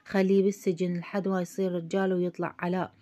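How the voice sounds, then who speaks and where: A man's voice: sits high, level tone, fast, mellow, lightly acted. A woman voicing a serious Iraqi man who asks pointed questions, in Iraqi Arabic.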